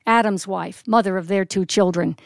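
A woman with a medium-pitched, creaky voice tells a polished story live, her phrasing deliberate and descriptive. She adds expressive emphasis and dramatic pauses, and the sound is dry with very little room echo.

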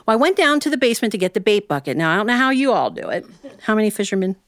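An American storyteller from Ohio spins a tale live for listeners in a mid-range voice with no echo. Her delivery is animated and folksy, full of dramatic pauses and asides.

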